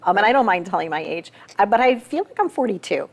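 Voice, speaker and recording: A woman's voice: mid-range voice, very animated. A woman in her late fifties hosting a talk show, asking curious questions in a chatty, casual way. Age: 50s. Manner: curious, chatty, quick back-channel replies. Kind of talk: casual interview chat.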